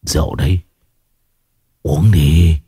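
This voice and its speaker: A man's voice: extremely low pitch, steady tone, slow, mellow, slightly rough, no room sound, studio quality, pitched below the performer's own voice, heavily acted. A man voicing a possessed old village man who mutters coldly and menacingly. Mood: eerie, menacing.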